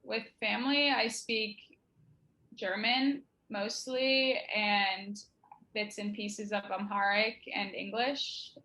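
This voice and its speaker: A woman speaking deliberately in a documentary interview, with "uh" pauses. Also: mid-range voice, steady tone, bright, forceful tone, roomy sound.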